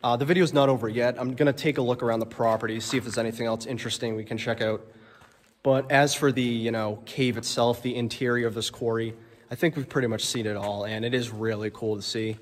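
A man's voice: mid-range voice, steady tone, fast. A young man exploring an abandoned quarry cave, chatting to his phone camera with lots of fillers and amazement. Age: young adult. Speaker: explorer vlogger. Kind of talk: casual exploring vlog. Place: abandoned stone quarry cavern. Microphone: phone held at arm's length. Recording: long cavern reverb.

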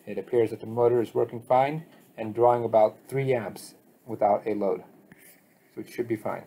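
A man with a warm, medium-pitched voice talks at a moderate pace with fairly even intonation. As a DIY channel host, he walks through a home project step by step in a plain, matter-of-fact voice-over, dropping in the occasional filler.

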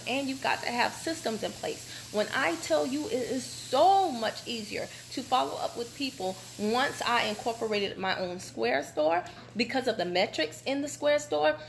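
A woman's voice: fairly high pitch, vocal fry, slight background noise, poor audio. A woman, a small business owner chatting candidly on a live phone video while standing on a vibration machine, so her voice shakes as if she is talking into a fan. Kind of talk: casual live video talk. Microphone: phone camera.

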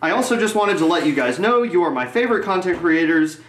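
A man's voice: sits high, expressive, quick pace. Man reading a fan letter, echoey kitchen. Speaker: podcast co-host. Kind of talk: casual chat, reading a fan letter aloud. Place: home kitchen, indoors. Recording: echoey room.

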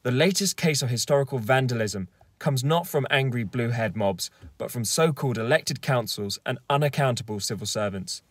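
In a dry recording, a young man in his twenties, mid-range in voice and normal in speed, gives scripted political commentary from a car. He speaks in a firm, argumentative, lecturing way to a camera facing him up close.

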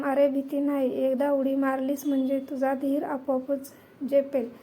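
A woman reading a story aloud in the first person, voicing the dialogue within her steady narration. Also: sits high.

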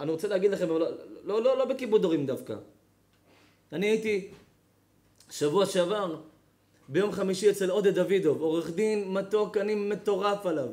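A man who is a rabbi giving an impassioned public sermon, repeating his phrases for effect and swinging between loud and soft. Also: high voice.

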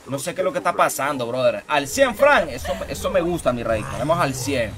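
A man livestreaming a fighting game, reacting loudly to the matches and greeting viewers in chat by name with casual slang. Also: mid-range voice, sing-song, a little fast. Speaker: streamer. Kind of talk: live gameplay commentary. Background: game music.

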